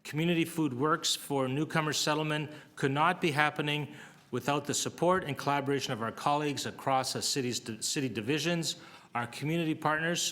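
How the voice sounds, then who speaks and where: In a council meeting room, a man with a mid-range, fairly bright voice presents a public health program to a city board. He reads prepared remarks, with occasional fillers and restarts.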